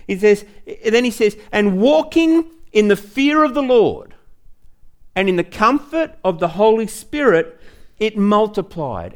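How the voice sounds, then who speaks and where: A high-voiced man preaches a teaching sermon in a conversational style. He repeats phrases for emphasis and puts rhetorical questions to his listeners.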